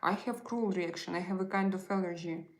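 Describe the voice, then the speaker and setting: Speaking fairly quickly in a rather low-pitched voice, a woman hosts a casual livestream, chatting with viewers and answering their messages while using many hesitant fillers. Her first language is Russian, her accent reflects it, and the sound is reverberant.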